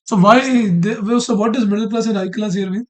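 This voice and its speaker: A man with a high-pitched voice takes part in a scripture study group. He is inquisitive and casual, asking about meanings and reading translated verses aloud. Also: fairly even intonation, fast.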